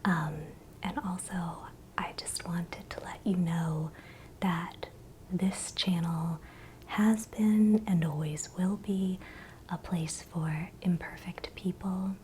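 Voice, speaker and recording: A woman giving a gentle, encouraging, unscripted ASMR pep talk in a breathy, unvoiced whisper. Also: fairly low pitch, poor audio. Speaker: ASMR channel host. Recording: clear background noise, ambient hiss.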